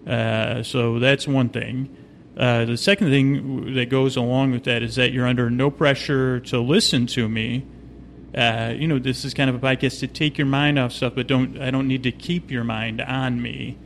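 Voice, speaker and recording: Recorded on location inside an observation wheel cabin, a man hosts a sleep podcast with a rambling bedtime monologue that is meandering, hesitant, slightly goofy, and soothing. His creaky voice shows little pitch movement and keeps a moderate pace, with a faint, low ambient hum behind it.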